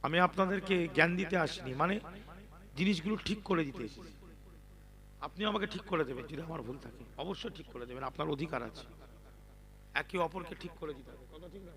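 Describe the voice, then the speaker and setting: A man from preaching a sermon, often asking the crowd to answer loudly and swinging from quiet talk to chanted preaching. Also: fairly high pitch, a little fast, long pauses.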